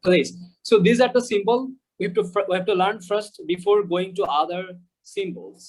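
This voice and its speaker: A man's voice: high voice, extremely slow, rough recording. A man from Bangladesh teaching English pronunciation in an online lesson, explaining patiently, repeating example words and checking that listeners follow.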